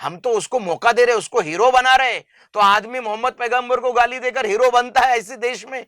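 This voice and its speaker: An interview guest from India makes a heartfelt public appeal, earnest and emphatic, driving his point home with long lists. His voice is high, bright and sharp-edged. The recording is dry and close, with no echo.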